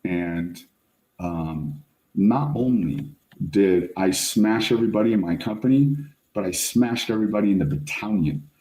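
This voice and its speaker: A middle-aged man, a fire service officer, telling a story as a podcast guest in a casual, animated way, full of slang. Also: lowish voice, unhurried. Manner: animated, slangy, says "like" and "bro" often. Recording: roomy echo.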